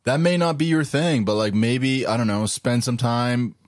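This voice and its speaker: A man's voice: mid-range voice, normal speed, dry recording, studio quality. A man in his thirties co-hosting a casual podcast chat about parenting, laid-back and swearing freely. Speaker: podcast co-host.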